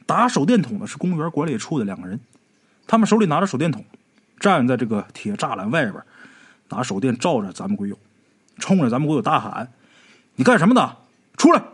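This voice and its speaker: Husky, animated male ghost storyteller. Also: mid-range voice, fairly quick.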